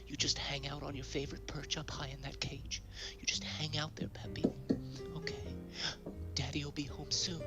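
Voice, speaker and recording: An actor playing a timid man who sneaks off to whisper to his pet parakeet, hushed and stammering, in an improv comedy scene. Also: fairly high pitch, little pitch movement, moderate pace, over loud music, close to an everyday voice. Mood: sheepish whispering.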